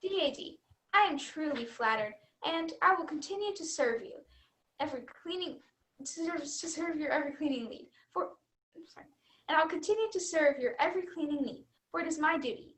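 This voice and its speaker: A woman's voice: high voice, animated, brisk, a bit bright. A woman playing an overly polite robot vacuum who talks in stiff, formal android diction. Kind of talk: stage comedy acting.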